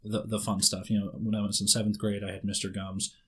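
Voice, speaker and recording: A man's voice: lowish voice, level tone, fast talker, a bit bright, slightly rough. A man in his thirties, a writer, talking casually in a conversation, rambling and often repeating words as he starts a thought. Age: 30s. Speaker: guest writer.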